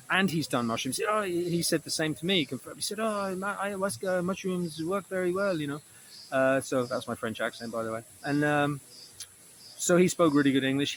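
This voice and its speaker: On a low-quality recording with a little hiss or hum, a man's mid-range, slightly bright voice rambles through a casual video diary. He's a vlogger with a mildly sore throat who keeps correcting himself and swearing often.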